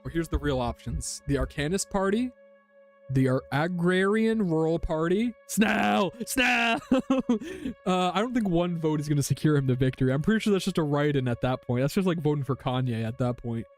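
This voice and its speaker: A man's voice: a little high, animated, fairly quick, darkish tone, faint music behind. A man streaming a story game, reacting casually, thinking aloud and laughing often. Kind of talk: casual livestream commentary.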